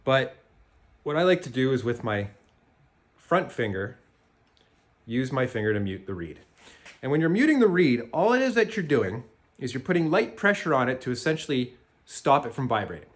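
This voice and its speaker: A man with a Canadian accent giving a casual music tutorial, relaxed and halting, with fillers and restarts. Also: medium pitch. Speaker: jaw harp teacher.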